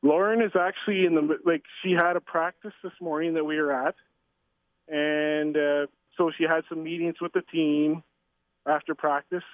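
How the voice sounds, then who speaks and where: The speaker, a middle-aged Canadian father who coaches curling, is interviewed casually by phone while on a train and often pauses, uses fillers and restarts. His voice sits on the high side with a steady tone, with no room sound on a tinny line.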